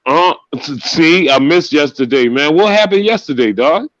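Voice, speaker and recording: A man in his forties on a live stream call, talking in a slow, laid-back way and swearing casually. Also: a little high, lively intonation, a bit bright, no echo, highs cut off. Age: 40s. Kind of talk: casual group chat.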